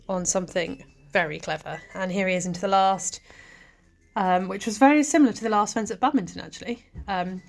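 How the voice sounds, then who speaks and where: Chatty woman narrating her riding footage. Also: fairly low pitch. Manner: chatty, rambling, lots of ums. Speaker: vlogger and event rider. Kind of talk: casual voice-over over riding footage.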